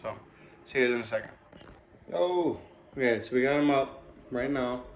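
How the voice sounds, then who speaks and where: A man's voice: medium pitch, normal speed, reverberant. A young man giving a casual room tour vlog, rambling with many fillers, filmed on a phone in a small bedroom. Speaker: vlogger. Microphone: phone camera. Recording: dull lo-fi phone audio with faint hiss.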